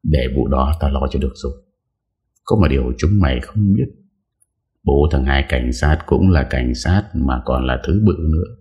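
A man reading the part of a young man who speaks softly and urgently to a younger companion. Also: rumbling low, animated, moderate pace, lo-fi sound. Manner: hushed, urgent. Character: young man San, protective and firm.

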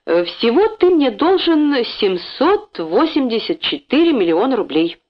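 A woman's voice: fairly high pitch, very animated, unhurried, voice pushed up. A woman voicing a smug older male factory owner who talks with false kindness and mockery, in a dull lo-fi recording. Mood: scheming. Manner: falsely kind, mocking.

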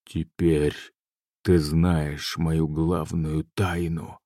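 A man voicing a huge, menacing male demon lord in an audiobook, speaking in a slow, rumbling way. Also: flat delivery, warm tone, dry recording, studio quality, heavily acted.

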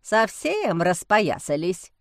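A woman voicing a grumpy, stern male swamp spirit who talks in a gruff, grumbling way. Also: mid-range voice, sing-song, takes it slowly, a bit bright, no room sound, studio quality.

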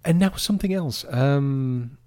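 Casting note: male co-host, rambling casual chat, mid pitch, dry close mic. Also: measured pace, a little mellow, dry recording. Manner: rambling, chatty, self-interrupting. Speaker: podcast co-host.

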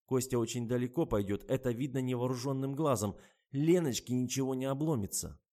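A man's voice: medium pitch, a little fast, mellow. A man narrating an ironic novel in a wry storytelling manner. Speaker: audiobook narrator.

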